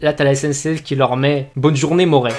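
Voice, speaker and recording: A young man hosting a casual comedy commentary, reading tweets aloud in a slangy, animated way. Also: on the high side, fairly quick, faint music behind. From France. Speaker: youtuber host.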